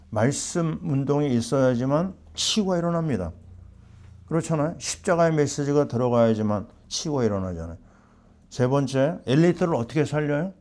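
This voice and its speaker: A man's voice: mid-range voice, darkish tone. A middle-aged man preaching a sermon as pastor, asking the congregation questions and answering them himself.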